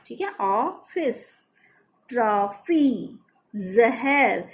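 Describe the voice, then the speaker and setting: Spelling letters and sounds out one by one, a woman with a somewhat high voice leads a slow, patient grammar lesson for children.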